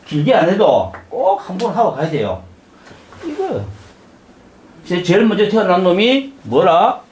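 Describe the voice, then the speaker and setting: A man's voice: high-pitched, sing-song, unhurried, a little mellow, echoey room. A middle-aged man, giving a live lecture to a class. He keeps putting questions to the class and acting out little voices. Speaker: saju lecturer. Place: lecture room with audience.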